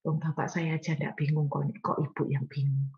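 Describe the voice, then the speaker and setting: Woman quoting a self-assured man, husky breathy tone, muffled recording. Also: sits low, flat delivery, moderate pace. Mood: smug. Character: smug male pastor excusing his mistress.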